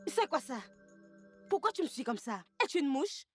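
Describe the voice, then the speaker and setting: A woman's voice: high-pitched, sing-song, moderate pace, faint music behind. A scolding young village woman. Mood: indignant. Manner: scolding, indignant questions. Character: sharp-tongued young village woman, easily irritated. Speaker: character in a dubbed film. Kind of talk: French film dub.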